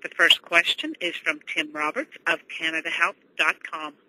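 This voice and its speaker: A woman's voice: low voice, normal speed, slight background noise, rough recording. A woman working as a conference call operator, reading formal scripted announcements. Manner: formal, even.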